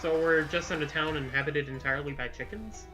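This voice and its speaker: A man's voice: fairly high pitch, steady tone, fairly quick, music in the background, poor audio. A man co-commentating on a game with casual, joking remarks.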